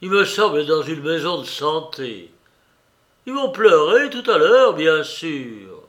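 Male reader doing a loud, jeering cynic, young, sarcastic, storybook voice. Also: very animated, takes it slowly. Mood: scornful. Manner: loud, sarcastic, high-pitched jeers. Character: mocking cynical young man, loud and ironic.

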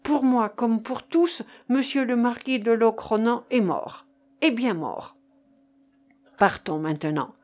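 A woman reading the lines of a frightened, cautious young man, hushed and wary, in an audiobook. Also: a little high, slow. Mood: solemn.

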